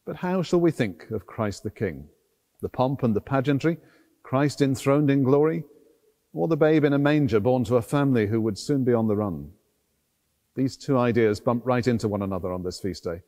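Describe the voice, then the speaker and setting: A middle-aged priest, acting as celebrant, gives a formal liturgical address in a mid-range voice at normal speed with a dark tone. He is inside a large stone cathedral, and the recording carries a long church reverb.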